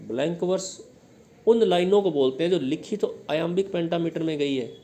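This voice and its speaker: Man teaching, slightly high voice. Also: moderate pace, dark tone. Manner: explains step by step, often checks with "ठीक है?"; drills students with question-and-answer repetition. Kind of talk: exam-prep lecture.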